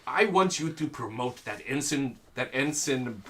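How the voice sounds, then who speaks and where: A man's voice: mid-range voice, lively intonation, measured pace, sharp tone, a little hiss or hum. A man voicing an eager male admiral, stammering as he tries for an accent. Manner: stammering, attempts a Russian accent.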